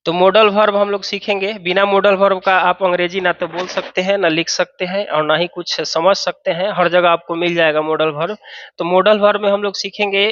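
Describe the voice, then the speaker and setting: A male teacher gives a classroom grammar lesson in a high, bright voice. He walks through each rule step by step, often posing a question and answering it himself. The sound is dry and slightly muffled. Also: fairly even intonation, a little fast, no room sound. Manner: explains step by step, asks and answers own questions. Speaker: English teacher.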